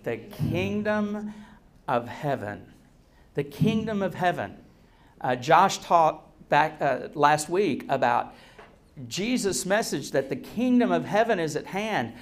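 Slow, deliberate male preacher, folksy. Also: on the high side, animated. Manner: folksy, joking, self-deprecating; deliberate emphatic phrasing with pauses. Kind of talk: sermon to a congregation.

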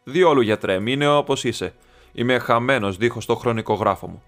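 A man voicing a sharp male detective who speaks briskly and dryly. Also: mid-range voice, soft background music, natural voice. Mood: dry, assured. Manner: brisk, dry, confident. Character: sharp, dry male detective, self-assured.

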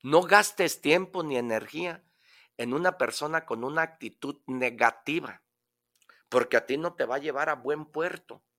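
A man's voice: mid-range voice, a bit bright. A man giving a motivational talk on the radio, emphatic and preachy, repeating phrases for effect.

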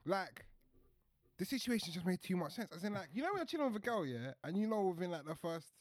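A young man with a London roadman accent talks in a high, swooping voice. He rattles through casual group banter with emphatic slang, recorded close and dry. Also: big pitch swings, fast, no echo. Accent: London, urban street slang.

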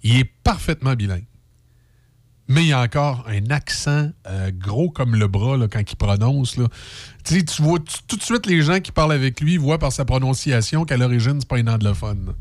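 Animated Québécois man on radio. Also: mid-range voice, moderate pace, no echo. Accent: Québécois French. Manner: animated, joking, slips into mock English voices. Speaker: radio host. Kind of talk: opinionated radio commentary.

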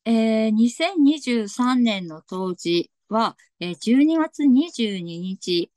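A woman astrologer with a slight Tsugaru accent, giving a slow, deliberate reading with soft fillers. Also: on the high side, lively intonation, no echo. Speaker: astrologer guest.

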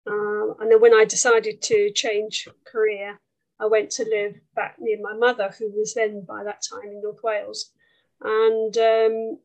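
A woman's voice: fairly high pitch, rough recording. A woman with an Essex accent from England, chatting about her life as an interview guest. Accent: Essex English. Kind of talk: conversational life story.

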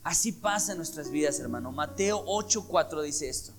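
A man preaching a sermon, emphatic and shifting between loud stresses and hushed asides. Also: on the high side, lively intonation, moderate pace. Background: soft guitar music.

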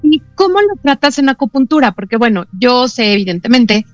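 A woman with a Mexican Spanish accent hosting a radio talk show, telling anecdotes in a lively way with quick asides. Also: fairly high pitch, no echo, faint music behind. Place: radio studio.

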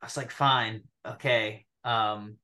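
A man's voice: fairly low pitch, slow. Young vet guy on a podcast, swears a lot, gets worked up and laughs telling his story. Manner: profane, animated, laughs while telling a story. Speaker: podcast co-host, military veteran. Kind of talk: casual storytelling.

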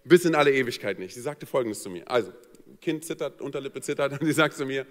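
The pastor here has a mid-range voice and a quick pace as he relates an amusing personal story in a sermon. Joking and animated, he voices the people he quotes, with long reverb from the church hall.

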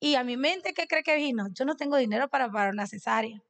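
A woman's voice: sits high, expressive, fast, creaky, a bit bright. A middle-aged woman, preaching a sermon that mixes in personal testimony and questions to the congregation. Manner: conversational, asks the audience questions.

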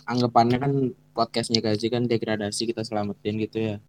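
A man's voice: on the low side, level tone, fast talker, no echo, poor audio. A man in casual chat as a podcast co-host.

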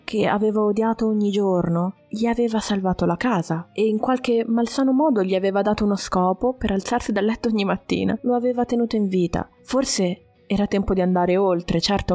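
An audiobook narrator reading scripted prose in a measured, even way. The pitch sits in a middle range. Soft music plays faintly behind the reading.

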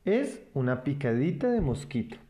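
A man's voice: medium pitch, very animated, normal speed, mellow, close to an everyday voice. A man voicing a kind female nurse in a children's story, soothing and coaxing.

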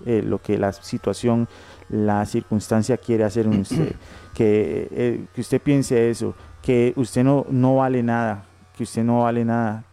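A man's voice: mid-range voice, gravelly, warm tone, clean tone. A man co-hosting a radio Bible teaching, exhorting listeners with long runs of repeated phrases. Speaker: radio co-host. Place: radio studio.

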